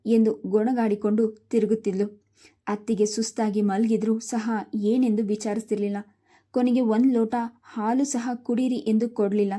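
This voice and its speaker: A woman narrating a family story in a steady, earnest storytelling manner. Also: on the high side, normal speed.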